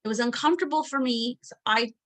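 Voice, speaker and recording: A middle-aged woman teaches a training lesson in a chatty, candid way. She fills her talk with ums and acts out quoted phone calls. Her voice sits a little high. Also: quick pace, a bit bright. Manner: chatty and candid, with many fillers and quoted asides. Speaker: training instructor.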